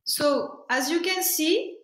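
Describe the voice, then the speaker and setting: A woman with a high, fairly bright voice teaches singing in an online workshop; French is her first language. She speaks haltingly, searching for words, and demonstrates with sung syllables. The recording is rough and reverberant.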